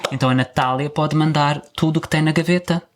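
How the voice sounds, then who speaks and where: A man's voice: on the high side, fairly even intonation, fast talker. A man with a European Portuguese accent, co-hosting a channel, chatting in a friendly way and finishing his partner's sentences. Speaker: co-host of a language-learning channel. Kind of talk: casual chat.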